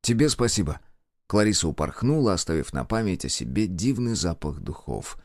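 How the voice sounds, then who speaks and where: A male narrator reads a novel aloud in scripted audiobook style. His voice is fairly low but moves around a lot in pitch, giving the story an animated lilt. The recording is dry and close, with no room sound. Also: brisk, dry recording.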